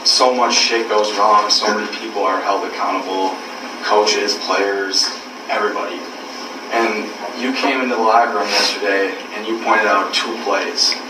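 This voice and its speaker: A young adult college basketball player speaks candidly at a team meeting, his fairly low voice halting, earnest, blunt and full of swearing. A hidden recorder far away in the indoor room captured it secretly, so the sound is distant, echoey, noisy and muffled.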